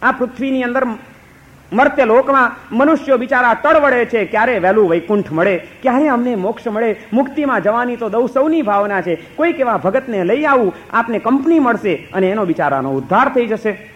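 An eager, devoted male sage , voiced by a man telling the tale, reassuring and pleading in a high, lively voice. He presses his case with warm insistence. The sound is dull and lo-fi. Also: brisk.

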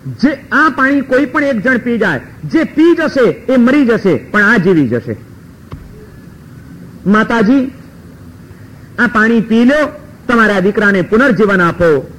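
A storyteller doing a wise old sage, calm and clever, talking in a steady reassuring way. The voice sits high, and the sage stays unhurried even when he talks of life and death in this spoken tale. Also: a little hiss or hum, full character voice, rough recording. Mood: solemn.

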